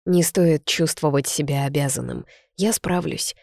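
A tired young woman on the edge of tears answers in a quiet, subdued voice, as the reader gives her lines. Her speech is soft and restrained. The sound is dry and close. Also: medium pitch, unhurried, vocal fry, no echo. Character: weary pregnant young woman, tearful.

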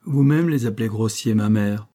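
A pert little girl who chatters with eager spirit, as a man reads her. Her lines lift high above a warm, mellow base voice. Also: moderate pace, close to an everyday voice. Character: bold lively little girl.

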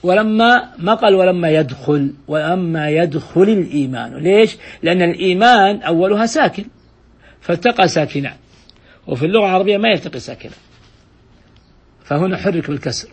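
A man teaches grammar to a class, his voice slightly raised in pitch and somewhat husky. He works through each rule patiently, repeats his examples and keeps asking the students questions.

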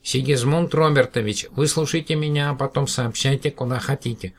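A man's voice: a little fast, natural voice. A man voicing a tiny, childlike alien cosmonaut who boasts and speaks earnestly in a raised, piping voice. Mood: insistent. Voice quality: high, piping voice. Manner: earnest, declaiming.

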